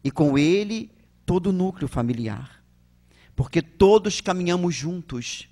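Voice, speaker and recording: A man with a Brazilian accent delivers a public religious lecture at a slow, deliberate pace. His voice sits a little high for a man. He often poses rhetorical questions to the audience before answering them himself. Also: animated, warm tone. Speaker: spiritist lecturer.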